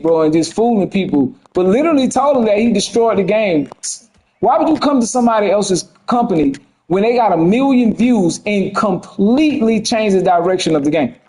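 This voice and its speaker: A man's voice: high-pitched, darkish tone, low-quality recording. A man ranting heatedly as a gaming commentator, profane and fired up, with a temper.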